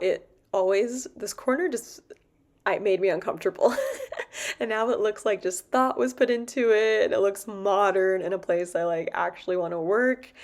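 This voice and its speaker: A woman's voice: mid-range voice, a little mellow. A woman hosting her own vlog, chatting animatedly and laughing at her own jokes while telling stories from her desk at home. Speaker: vlogger host. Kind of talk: casual vlog chat.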